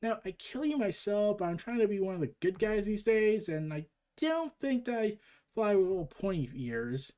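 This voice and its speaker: A comic book reader voicing an angry, brooding teenage boy vigilante, speaking in a flat, grim way. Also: medium pitch, normal speed, lightly acted. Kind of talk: comic book read-aloud.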